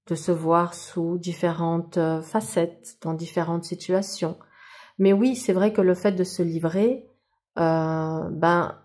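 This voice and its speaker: Speaking in a dark, fairly low-pitched voice, this woman reads tarot for the month and addresses the viewer directly. She's casual, spiritual and enthusiastic, regularly marveling out loud at the cards.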